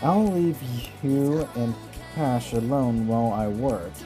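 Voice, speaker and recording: A man voicing a kind female veterinarian in an amateur audiobook reading, speaking softly and reassuringly. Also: mid-range voice, animated, slow, music in the background.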